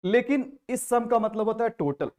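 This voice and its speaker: A man's voice: very high-pitched, animated, moderate pace, darkish tone. A man with an Indian accent teaching English vocabulary in an exam-prep lesson, explaining step by step and answering his own questions.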